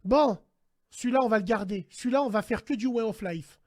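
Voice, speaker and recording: A man hosting a casual call-in stream, animated and slangy, swinging between hushed dread and loud outbursts. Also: high voice, fairly quick. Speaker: host. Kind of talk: casual livestream radio chat.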